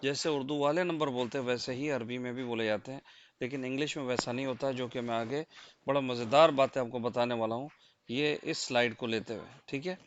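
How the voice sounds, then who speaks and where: A man's voice: medium pitch, fairly even intonation, a little hiss or hum. A man with a Pakistani Urdu accent teaching a slide-based language lesson, counting through lists patiently and often asking listeners to confirm they follow. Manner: patient, repetitive counting with rhetorical checks. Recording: dull, lo-fi dry close mic.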